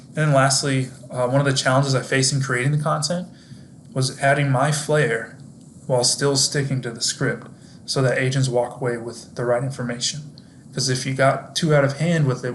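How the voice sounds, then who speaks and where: A young man speaks straight to the viewer, presenting his work in a scripted, explanatory way. His pitch stays mid-range and quite flat, with little melody. There is a faint hiss of background noise behind him. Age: young adult. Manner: upbeat, explanatory, addresses viewers directly.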